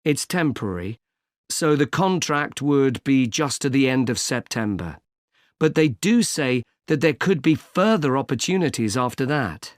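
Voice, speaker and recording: A man plays a helpful recruitment agent who talks in a measured, careful way, with a mid-range voice. He spells names out slowly. The recording is dry and close. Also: mid-range voice, lively intonation, dry recording, natural voice. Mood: calm. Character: helpful male recruitment agent, patient and polite. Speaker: employment agency consultant. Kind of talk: scripted exam dialogue.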